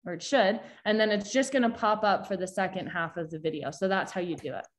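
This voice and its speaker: A woman's voice: medium pitch, quick pace. A young woman guest expert giving a chatty live tutorial over a video call, explaining step by step with frequent restarts. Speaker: social media guest expert.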